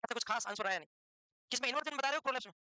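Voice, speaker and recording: A quick-talking man with an unusually high, bright voice lectures a live nursing class. He teases his students and pushes them with rapid questions. The sound is close and dry, with little room echo. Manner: teasing, fires questions at students.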